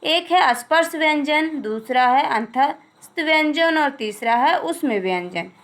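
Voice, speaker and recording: A woman's voice: sits high, animated, measured pace. A woman teacher giving a recorded grammar lesson, explaining step by step, asking and answering her own questions and drawing out example sounds.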